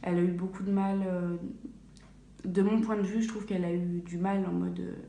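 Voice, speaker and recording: A woman's voice: lowish voice, level tone, normal speed, gravelly, warm tone, a little hiss or hum. A young woman vlogger chatting casually in a small bathroom at home, with lots of fillers and self-corrections. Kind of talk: casual vlog storytelling. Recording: echoey bathroom, faint room ambience.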